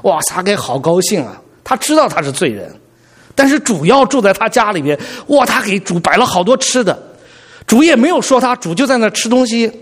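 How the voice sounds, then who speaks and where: Pastor guy preaching, husky voice, swoops up and down a lot, really animated. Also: high voice, fairly quick. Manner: animated storytelling preacher, addresses the congregation directly. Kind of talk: sermon.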